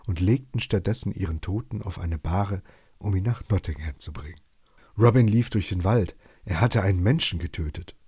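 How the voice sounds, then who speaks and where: A man narrates a bedtime story with a calm, even delivery. His voice sits low and sounds husky. The recording is dry and close, with no room sound. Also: no echo.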